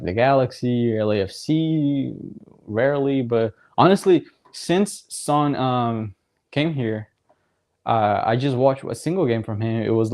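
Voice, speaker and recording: Casually commenting over a soccer match on his livestream, a young watchalong host speaks in a lowish, gravelly voice. He rambles in a relaxed way, with lots of fillers and frequent little laughs.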